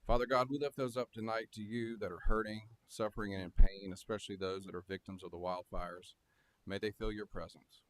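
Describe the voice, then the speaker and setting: A man's voice: on the low side, fairly even intonation, fairly quick, poor audio. A man leading a formal public prayer in reverent, set phrases. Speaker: fire chief leading a prayer. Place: town council meeting room.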